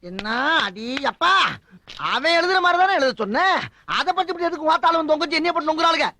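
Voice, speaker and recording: A shrill, flustered bumbling man. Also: bright, forceful tone, a little hiss or hum. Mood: aggrieved. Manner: jittery comic blustering, rapid yelps. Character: bumbling, excitable man fumbling excuses. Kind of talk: comic film acting.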